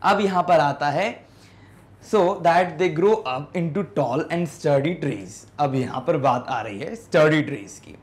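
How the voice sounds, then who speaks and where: A man's voice: a little high, expressive, slow. A man teaching an English class, explaining step by step and often checking in with students. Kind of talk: classroom lesson in Hindi with English words.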